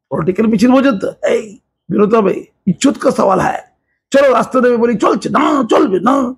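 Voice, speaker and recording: A man's voice: very high voice, slightly rough. A man, giving an emphatic, sarcastic political interview and repeating his points. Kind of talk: heated political interview talk.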